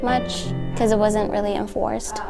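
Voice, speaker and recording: A woman's voice: mid-range voice, flat delivery, unhurried, vocal fry. A young woman from Ethiopia, a student interviewee, talking casually with hesitant fillers. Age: teens. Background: music.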